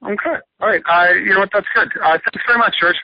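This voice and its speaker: Male journalist, high register, halting questions, dry muffled speakerphone-style conference call. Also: creaky, no room sound. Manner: very hesitant, stammering. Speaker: newspaper reporter. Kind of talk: asking questions on a press call. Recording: muffled speakerphone-like phone line.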